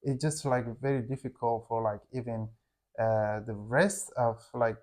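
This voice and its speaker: In English, which isn't his first language (that's Hazaragi), a young man from Afghanistan talks loosely with his wife at a mid-range pitch. He co-hosts a channel and teaches English, and it shows in his informal, teacherly tone, though he often pauses, retraces to find words and says "like" a lot.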